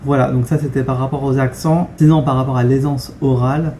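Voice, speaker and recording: A man's voice: mid-range voice, fairly even intonation, fairly quick, mellow, slight background noise. A young man from France chatting frankly in a casual vlog, with many fillers and restarts. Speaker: vlogger. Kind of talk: casual talking-head vlog.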